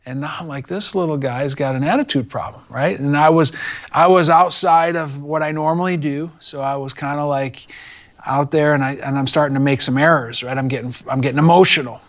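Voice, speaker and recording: A man's voice: a little high, brisk. A middle-aged male teacher recounts a classroom story in a conversational interview. He talks casually and slips into the voices of the people in his story as he goes. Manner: animated, acts out quoted dialogue.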